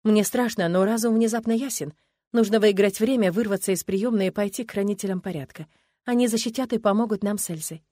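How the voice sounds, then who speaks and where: A woman reading first-person fiction aloud in a steady, expressive storytelling manner. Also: medium pitch, fast, no room sound, studio quality. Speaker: audiobook narrator. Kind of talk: first-person audiobook narration.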